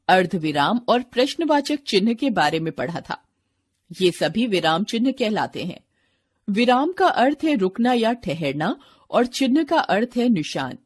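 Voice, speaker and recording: A woman reading a textbook lesson aloud to children in a deliberate classroom way, speaking to them directly. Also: medium pitch. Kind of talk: scripted lesson narration for children.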